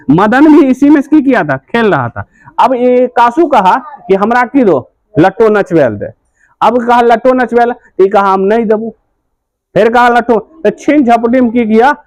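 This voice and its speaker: A man's voice: high-pitched, dry recording. A male teacher with a Bihari accent explaining a story in a class lesson, keeps asking quiz questions and answering them himself, repeating key points. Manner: repetitive, drilling key points.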